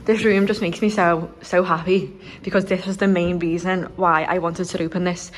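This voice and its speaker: A young woman from Liverpool, England, who owns a nail salon, films a walkthrough vlog on her phone of her salon under renovation. She chats excitedly with lots of fillers, in a fairly low voice at a moderate pace, with slight background noise.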